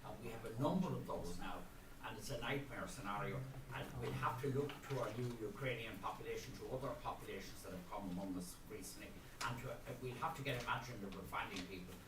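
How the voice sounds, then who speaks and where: A man's voice: lowish voice, quick pace. A man with an Irish accent, making an informal comment from the floor at a public meeting. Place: hotel function room at a public event. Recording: echoey room, distant mic, clear noise.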